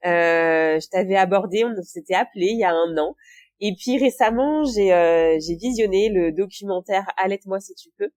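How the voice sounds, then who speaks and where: A woman's voice: medium pitch, normal speed, darkish tone, dry recording. A woman hosting a podcast, introducing her guest and asking encouraging questions. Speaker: podcast host.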